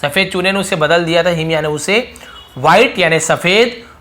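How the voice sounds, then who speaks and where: High-voiced man teaching English slowly. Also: bright, forceful tone. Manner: reads English lines slowly, then explains them rapidly in Hindi; asks the listener questions and answers them. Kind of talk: lesson explaining an English story line by line.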